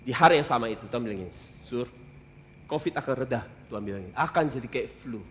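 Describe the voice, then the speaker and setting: A male pastor preaching a sermon in casual Indonesian, animated, jumping from loud exclamations to hushed asides. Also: mid-range voice, fast, a little hiss or hum. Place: church hall. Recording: long hall reverb.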